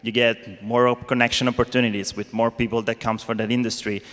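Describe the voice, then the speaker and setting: An Italian-accented man speaks as a startup founder on a panel, in an informal and blunt way. His English is halting and non-native, at a medium pitch. The sound rings in a large hall. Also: little pitch movement, fairly bright tone. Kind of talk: informal spoken panel answer. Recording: reverberant hall.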